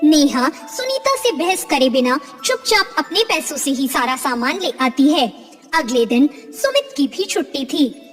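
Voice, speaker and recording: High animated woman telling a devotional story. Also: a little slow. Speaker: storyteller and channel host. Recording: long reverb, faint music behind.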